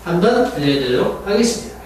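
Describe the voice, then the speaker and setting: A man's voice: high-pitched, big pitch swings, quick pace, a little mellow, recorded from a distance, slight background noise. A man teaching an English lesson, drilling words aloud and stressing the right way to say them. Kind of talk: classroom lecture. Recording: echoey room picked up from afar.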